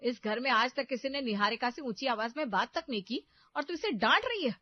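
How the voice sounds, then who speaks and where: A woman voicing a meddling, domineering middle-aged mother who loudly stirs up trouble in her family. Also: mid-range voice, moderate pace, dull audio, lightly acted.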